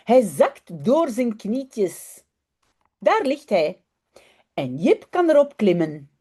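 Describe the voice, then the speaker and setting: A woman teacher, reading a children's story aloud clearly and deliberately. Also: on the high side, big pitch swings, mellow. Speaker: language teacher. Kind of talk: slow read-aloud lesson.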